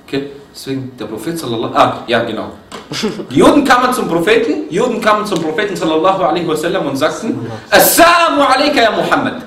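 Lively preacher man in echoey room. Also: on the high side, fast talker. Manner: lively, mixes Arabic quotes into German, asks listeners questions. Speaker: Islamic preacher. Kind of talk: religious lecture. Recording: echoey room, from far off, faint noise.

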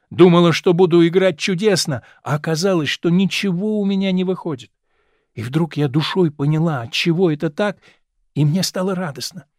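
An ardent young actress lost in love, pleading in an earnest, declaiming way, as a male reader speaks her lines. The voice sits high for a man and is recorded dry and close. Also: a little mellow, dry recording, natural voice.

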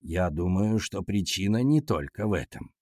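A man voicing a stern but kind male schoolteacher in a lower, measured, lecturing tone with a husky voice. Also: expressive, dark tone, no echo, studio quality. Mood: patient, lecturing.

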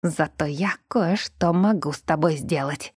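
A woman voicing a vengeful male spirit that possesses a girl, talking in a low, slow, hissing whisper. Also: husky, no room sound, studio quality, exaggerated voice. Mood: menacing.

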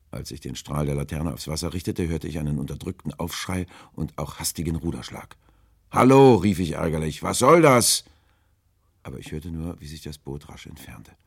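Deep, husky male audiobook narrator. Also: darkish tone, dry recording. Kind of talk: audiobook storytelling.

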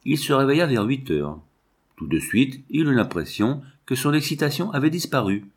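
A man narrating a novel as an audiobook, reading in a measured, expressive way. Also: medium pitch, slightly rough.

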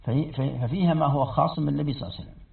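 Very gravelly fast-talking man teaching. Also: on the high side, steady tone. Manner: rapid explanatory delivery with restarts. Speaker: Quran commentary teacher. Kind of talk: classroom tafsir lesson. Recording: tinny, echoey, distant lesson recording.

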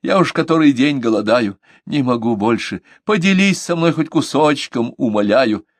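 A man's voice: medium pitch, animated, normal speed, no echo, studio quality, lightly acted. A man reading a starving castaway, blunt. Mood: pleading. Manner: terse, matter-of-fact answers. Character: weak, starving male castaway, blunt and flat.

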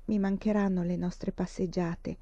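A woman reading the lines of a gentle blind teenage girl about to leave home, softly and wistfully. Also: mid-range voice, normal speed, no room sound, lightly acted. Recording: dull lo-fi dry recording.

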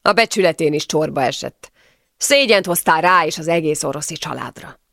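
A woman's voice: sits low, lively intonation, vocal fry, a bit bright, no echo, studio quality, exaggerated voice. A woman voicing a cold, blunt male servant who speaks cuttingly.

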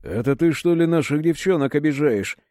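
A man's voice: on the high side, lively intonation, moderate pace, warm tone, dry recording, studio quality, close to an everyday voice. A man voicing a menacing shaven-headed male thug boss who talks in a threatening, bossy way.

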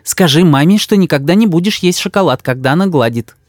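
A man's voice: high-pitched, very animated, dry recording, clean studio sound, voice pushed up. A man doing a fussing old grandmother. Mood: hurried. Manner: hurried, fussing.

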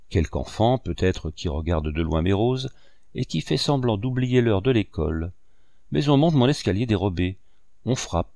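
A man with a low voice reads a classic novel aloud in measured, expressive first-person narration. The sound is close and dry, with no room around it. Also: no echo. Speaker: audiobook narrator. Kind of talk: literary audiobook narration.

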